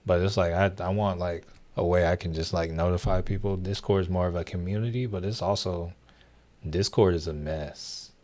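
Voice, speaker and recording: This livestream host is a young man with a deep, darkish voice who keeps a normal speed and fairly even intonation. His casual chat with viewers rambles, packed with fillers and false starts.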